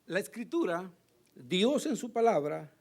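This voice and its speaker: A male pastor preaching a sermon with a hoarse voice, earnest and emphatic, pausing to address the congregation. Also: sits high, sing-song, darkish tone. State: hoarse, recovering from lost voice.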